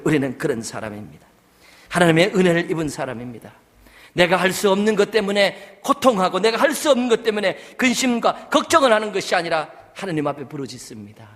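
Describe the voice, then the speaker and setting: Male pastor, fairly high voice, preaching in a reverberant sanctuary, soft asides and shouts. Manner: swings from quiet talk to shouted prayers, with humor. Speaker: senior pastor. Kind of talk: sermon. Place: church sanctuary.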